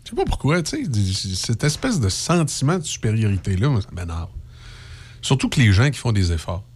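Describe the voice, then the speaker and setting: A man's voice: lowish voice, moderate pace, slightly rough. A middle-aged man with a Québécois French accent, hosting a radio show with joking, opinionated commentary. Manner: animated, joking, slips into mock English voices. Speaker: radio host.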